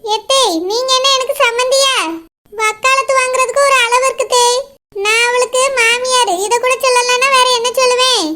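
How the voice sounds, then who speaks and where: A woman doing a shrill bitter cartoon mother-in-law. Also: flat delivery, normal speed, pushed and bright. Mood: resentful. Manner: resentful, whining. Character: bitter complaining middle-aged mother-in-law. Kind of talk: cartoon voice acting.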